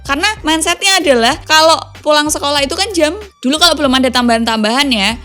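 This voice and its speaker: A young woman from Indonesia with a high, light voice tells stories in a relaxed monologue. She talks in a chatty, confiding way and keeps checking in with her listeners. Soft music plays faintly behind her. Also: fast talker. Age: 20s. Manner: chatty, confiding, often adds tag questions to her listeners. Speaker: podcast host. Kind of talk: casual storytelling monologue.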